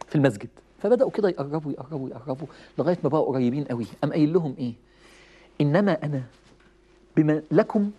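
Egyptian man preaching, fast storytelling, husky voice, casual and animated. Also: on the high side. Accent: Egyptian Arabic. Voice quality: animated, conversational, laughs often. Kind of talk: lively religious talk with storytelling.

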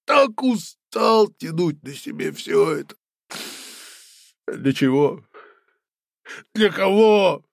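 A man's voice: high voice, lively intonation, slow pace, gravelly, pauses often, no echo, studio quality, pitched above the performer's own voice, exaggerated voice. A man voicing a self-pitying, tyrannical puppet-theatre master in an audiobook, wailing theatrically. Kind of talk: audiobook character voice.

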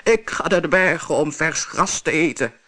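A narrator voicing a big, strong billy goat, speaking slowly with a heavy voice in a storybook reading. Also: medium pitch, a bit bright, close to an everyday voice. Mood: defiant.

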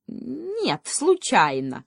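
A woman voicing a timid, kind little male hare who speaks high and excitable. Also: a little slow, dry recording, close to an everyday voice. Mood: ironic.

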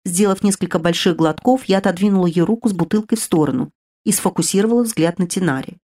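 A woman narrating a first-person fantasy novel in a measured, expressive reading. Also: lowish voice. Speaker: audiobook narrator.

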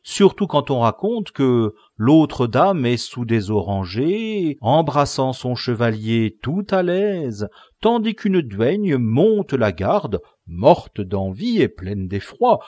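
A man doing a dreamy inn servant woman, gushing, lively swooping voice, unhurried audiobook reading. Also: medium pitch, no echo, pitched above the performer's own voice.

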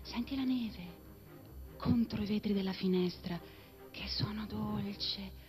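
A woman's voice: medium pitch, unhurried, warm tone, soft background music, lightly acted. A woman voicing an imaginative little girl chattering playfully to her kitten. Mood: dreamy.

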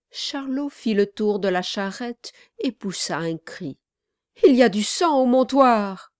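Woman reading slowly and measuredly. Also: mid-range voice, darkish tone, no room sound, studio quality. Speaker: audiobook reader. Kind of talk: scripted narration.

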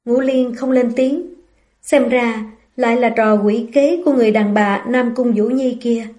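Woman narrating a novel, mellow voice. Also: on the high side, fairly even intonation, unhurried. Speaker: audiobook narrator.

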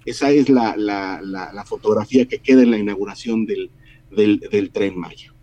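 A man's voice: fairly low pitch, normal speed, dark tone, muffled recording. A middle-aged man from Mexico giving earnest weekly political commentary in a radio interview, often repeating words as he builds his point.

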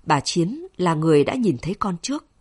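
A woman narrating a novel with an expressive, emotional reading. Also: fairly low pitch, fairly quick, husky. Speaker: audiobook narrator.

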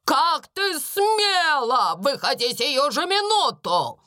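A woman voicing a stern older schoolmistress who snaps out scornful commands, slow and high. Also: expressive, pushed and bright, full character voice. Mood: harsh, angry.

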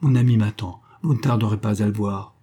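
A man's voice: on the low side, brisk, dark tone, husky. A man voicing a worried male magistrate who speaks urgently and pleadingly to his friend.

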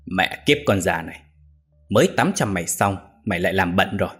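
Brief: man voicing brutish gambling son, low-pitched, harsh, contemptuous. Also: expressive, a little fast, fairly bright tone, soft background music. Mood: cursing.

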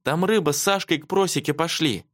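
A man's voice: fairly quick, fairly bright tone, dry recording, studio quality, lightly acted. A man voicing a frightened, breathless schoolgirl in an audiobook. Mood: frantic. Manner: breathless, shrill cries.

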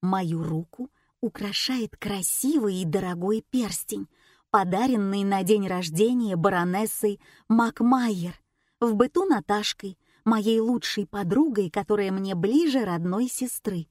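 Woman reading a lively audiobook. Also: mid-range voice, measured pace, dry recording, clean studio sound. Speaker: audiobook narrator. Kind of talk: audiobook narration.

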